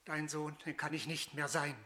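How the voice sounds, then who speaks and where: A remorseful young son in rags, voiced by a storybook reader confesses in rhymed verse. The delivery is unhurried and bright-toned. He sounds humble and worn down. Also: medium pitch. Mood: humble, quiet.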